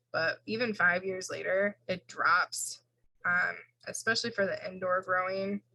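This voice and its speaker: A woman's voice: mid-range voice, bright, forceful tone, dry recording, low-quality recording. A woman instructor giving an informal recorded lecture, walking through slides in a casual way with fillers and self-corrections.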